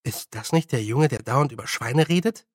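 A man reading an audiobook voices a clever young witch girl who reasons calmly. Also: mid-range voice, moderate pace, husky, no room sound, studio quality, lightly acted. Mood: matter-of-fact.

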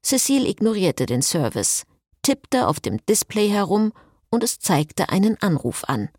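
A woman reading a novel aloud as narrator in an expressive style. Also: mid-range voice, measured pace, breathy edge, dry recording, clean studio sound. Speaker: audiobook narrator. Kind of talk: scripted narration.

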